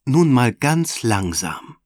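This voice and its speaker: Ein Mann spielt eine strenge Kindergartenleiterin. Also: male voice, mid-range voice, animated, dry recording, studio quality, pitched above the performer's own voice. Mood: firm. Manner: firm, measured. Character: strict kindly kindergarten head, woman.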